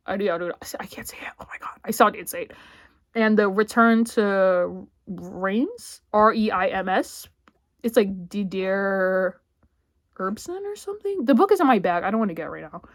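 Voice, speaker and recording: A woman with a mid-range voice rambles casually about her latest book finds, her words full of "like" and restarts. She jumps into high, excited squeals now and then. The sound is close and dry, with no room echo. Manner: chatty and rambling, heavy filler words, sudden squealy outbursts. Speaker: book vlogger.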